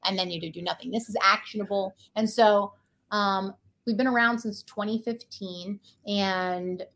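Chatty woman with a bright voice. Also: medium pitch, steady tone, moderate pace. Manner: chatty, playful. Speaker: guest, talent acquisition executive. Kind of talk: casual interview talk.

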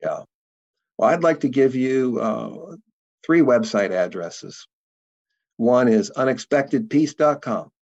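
Male guest, gravelly, hesitant and thoughtful, dull muffled audio. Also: medium pitch, expressive, a little mellow. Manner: thoughtful, halting with many fillers. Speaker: interview guest, documentary producer. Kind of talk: conversational interview.

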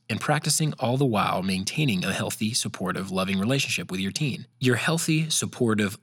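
A man narrating a scripted parenting guide in a calm, measured, even way. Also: medium pitch, slightly rough, no room sound, studio quality.

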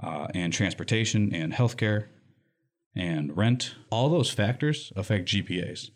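This guest speaks at a fairly low pitch with an expressive delivery and a measured pace, and the recording has a little hiss or hum. He's from Michigan and runs a nonprofit as its executive director. Answering interview questions, he's earnest and emphatic, often tagging his points with "right?".

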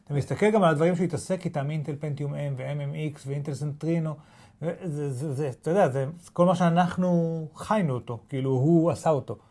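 Higher-voiced, mellow Israeli man chatting. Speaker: podcast co-host. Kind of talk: casual tech news chat.

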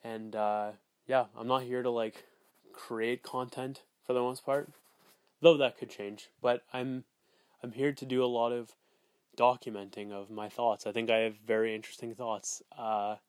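A man's voice: mid-range voice, flat delivery, moderate pace, smooth, dry recording. A man hosting a solo podcast, recorded as a voice memo on a phone recorder app, talking in a rambling, self-assured way with lots of filler words and swearing. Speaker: podcast host.

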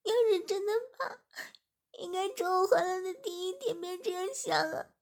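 A woman voicing a devoted young female servant, crying and pleading in a high, loud voice. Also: fairly even intonation, moderate pace. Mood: tearful pleading.

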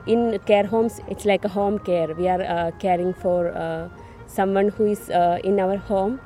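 A nurse from Kerala in India answering interview questions hesitantly, with many pauses and fillers. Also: female voice, medium pitch, steady tone, mellow, soft background music.

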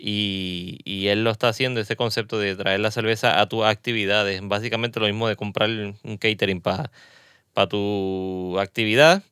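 Here a Puerto Rican podcast host, originally from Puerto Rico, talks with a Puerto Rican Spanish accent during a casual interview in a small studio. His fairly low voice holds a steady tone at normal speed, fairly bright and clean, with no room sound. He's chatty, laughs frequently, and drifts into asides.

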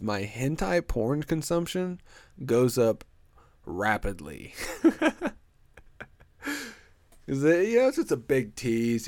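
A young man hosts a rambling solo podcast, sounding congested and stuffy-nosed as he makes crude jokes and drifts off on tangents. His medium-pitched voice is a little mellow, captured in a dry, clean studio recording.

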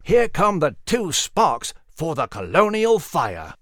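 A man voicing an anxious male companion who talks in a hoarse whisper. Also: on the high side, sing-song, measured pace, no room sound, clean studio sound. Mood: hushed.

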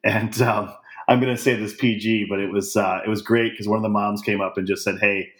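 A male co-host with a fairly low voice, chatting casually. He tells an anecdote in an easygoing way and laughs readily. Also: little pitch movement, a little fast. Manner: storytelling, laughing easily.

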